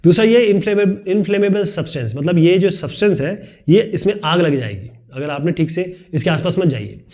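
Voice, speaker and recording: A man with a fairly high voice teaches a tutorial at a brisk clip. He talks chattily, explaining points through everyday examples and throwing in light asides along the way. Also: lively intonation, a little mellow. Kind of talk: fast-paced Hindi tutorial lecture.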